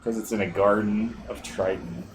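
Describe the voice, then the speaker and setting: A man commentating his gameplay on a livestream, muttering to himself and cursing at the game. His voice sits low, with steady background noise on the stream audio. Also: normal speed, rough recording.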